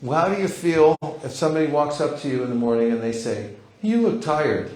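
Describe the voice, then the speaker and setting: A little high and a little fast, with lively intonation and a darkish tone, this man's voice fills a large hall during a live seminar. He teaches playfully, staging little dialogues, and the recording sounds roomy.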